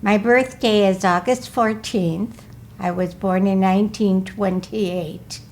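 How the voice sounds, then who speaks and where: A woman in her eighties from Wisconsin, recalling her life in a slow, careful, measured way during an interview. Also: medium pitch, fairly even intonation, darkish tone, a little hiss or hum. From Milwaukee, Wisconsin. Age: 80s. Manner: slow, careful, measured recollection, often asking to repeat. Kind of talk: recorded life-story interview.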